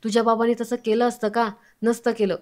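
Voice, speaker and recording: A woman's voice: on the high side, little pitch movement, fairly quick, a little mellow, natural voice. A woman reading the lines of a protective, emotional adult woman in an earnest, pleading tone.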